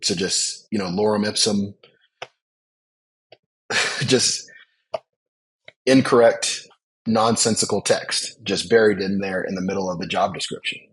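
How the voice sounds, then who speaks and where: A man's voice: lowish voice, steady tone, a little slow, long pauses, fairly bright tone, husky, low-quality recording. A man speaking as a business leader guest on a podcast interview, earnest and reflective, stressing his points.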